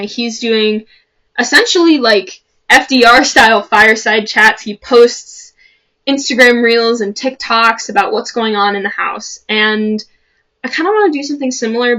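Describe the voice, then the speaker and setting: A woman's voice: fairly high pitch, sharp tone. Earnest young woman chatting to camera. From Chicago suburbs. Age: young adult. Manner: earnest, chatty, many fillers and restarts. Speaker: vlogger. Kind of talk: casual talk to camera.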